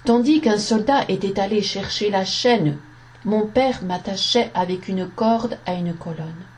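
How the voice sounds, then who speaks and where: A woman reading a story aloud in a slow, measured narration, giving the quoted lines a voice. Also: medium pitch, a little mellow.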